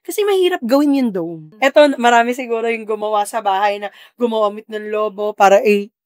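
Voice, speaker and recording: A woman's voice: medium pitch, a little fast, darkish tone, no echo, studio quality. Emotional woman telling her story. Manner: emotional storytelling, acting out her own past remarks. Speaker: podcast guest, food business owner. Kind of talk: casual podcast conversation.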